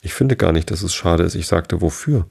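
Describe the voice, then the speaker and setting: A man reading the lines of a polite but bold young girl in a storybook, in his own low voice. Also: animated, fairly quick, creaky, a little mellow, husky, heavily acted. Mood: firm. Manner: polite, firm.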